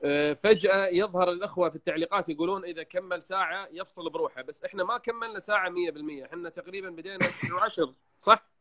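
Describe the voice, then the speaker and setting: Male host, fairly high voice, brisk, affirming, video call. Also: fairly bright tone. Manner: brisk, affirming, guides the talk. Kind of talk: live online talk.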